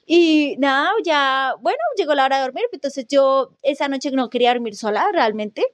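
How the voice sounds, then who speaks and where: A woman with a high, bright-pitched voice tells a chilling personal story in casual podcast chat. She talks in an animated way, restarting sentences and acting out her own reactions. The sound is dry and close to the mic. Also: moderate pace, no echo.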